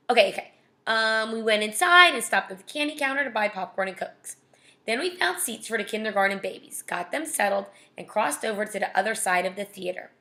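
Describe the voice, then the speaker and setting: A woman's voice: mid-range voice, pushed and bright. A young woman casually reading a children's novel aloud, breaking off to chat and comment. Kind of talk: casual read-aloud with asides.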